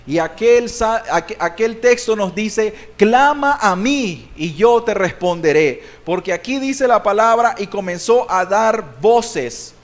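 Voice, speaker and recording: High-voiced pastor preaching emphatically. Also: male voice. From Nicaragua. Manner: emphatic preaching that swings between loud and soft; stretches out key words slowly for emphasis. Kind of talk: sermon.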